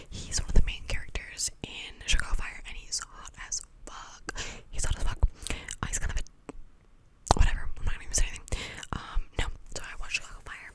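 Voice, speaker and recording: A woman doing a fast whispered ASMR ramble in a breathy, clicky whisper, casual and slangy, wandering from thought to thought. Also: low-quality recording. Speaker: ASMR video creator.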